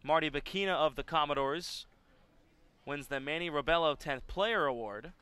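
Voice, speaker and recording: A man gives live baseball play-by-play. His voice sits a little high, with a bright edge and a smooth, resonant clarity. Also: moderate pace. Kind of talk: live sports commentary.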